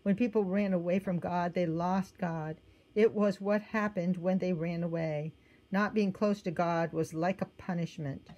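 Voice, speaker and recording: In a muffled recording, a woman with a soft, lowish voice reads a children's story in an unhurried way, her intonation fairly even yet gentle and expressive. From time to time she pauses to note what's happening in the picture.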